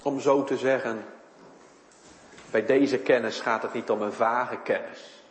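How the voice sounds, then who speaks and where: A man's voice: mid-range voice, steady tone, measured pace, echoey room, in a large hall. A man preaching a sermon in church, his voice rising and falling for emphasis. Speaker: pastor.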